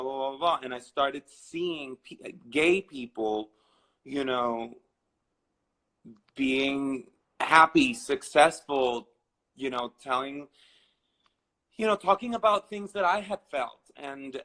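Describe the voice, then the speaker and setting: A man's voice: medium pitch, bright, forceful tone, poor audio. A man in his thirties from Venezuela, telling his personal story with many restarts and fillers. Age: 30s. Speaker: guest.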